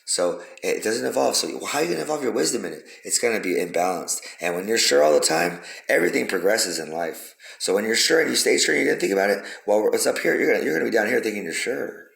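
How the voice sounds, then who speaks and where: Fast, gravelly man ranting. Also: on the low side, expressive, a bit bright. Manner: profane, rambling, emphatic repetitions. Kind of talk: rambling philosophical monologue. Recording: roomy echo.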